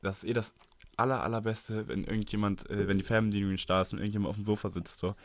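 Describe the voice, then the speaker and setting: Male podcast co-host, rapid, excitable, slang-heavy, dry close mic. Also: lowish voice, no echo. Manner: excitable, slangy, exaggerated complaints. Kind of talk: casual chat.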